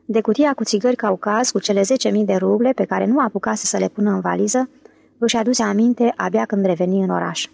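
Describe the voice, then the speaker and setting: A woman's voice: mid-range voice, creaky, a little mellow, no room sound. Woman narrating an audiobook, dry close sound. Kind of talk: scripted narration.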